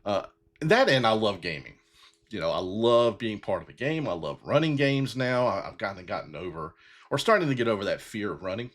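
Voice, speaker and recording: Talking a little fast in a lowish, fairly bright voice with wide pitch swings, a man in his fifties hosts his own podcast alone. He's bald-headed, sincere, and getting emotional, his heartfelt talk wandering with lots of fillers and restarts.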